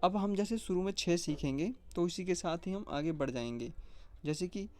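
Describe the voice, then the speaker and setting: Teacher walking thru a lesson, says each letter sound real slow over and over, talks right at you. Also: medium pitch, a little mellow. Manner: drills letter sounds slowly, one at a time; speaks directly to the viewer. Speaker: shorthand teacher. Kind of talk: explanatory lesson.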